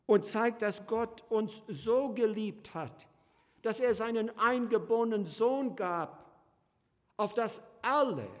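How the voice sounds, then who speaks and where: A man preaching a sermon, swinging between loud emphasis and hushed, slow passages as he addresses his listeners fondly. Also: sits high. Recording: long hall reverb.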